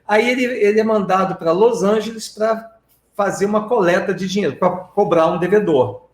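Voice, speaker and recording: High-voiced Brazilian man teaching live. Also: moderate pace, roomy sound. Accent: Brazilian Portuguese. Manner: explanatory, tag questions to viewers. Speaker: English teacher. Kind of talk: live-stream lesson.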